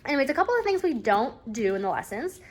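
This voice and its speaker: A woman's voice: sits high, very animated, fast. A woman, a homeschooling mother, chatting casually at home about a reading curriculum, rambling and often saying "anyways.". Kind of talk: casual chat review. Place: at home at a table. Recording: faint background noise and clicks.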